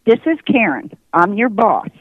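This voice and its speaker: A woman's voice: mid-range voice, sing-song, normal speed, husky, no room sound. A woman posing as someone's boss on a prank phone call, heard over the phone and repeating the same insistent lines. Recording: muffled phone line.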